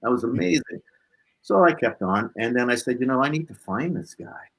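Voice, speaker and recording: A blues musician guesting on an interview tells his own stories in a loose, animated way, acting out dialogue as he goes and adding "right?" to phrases. His voice is medium-pitched at a normal speed, and the audio is poor.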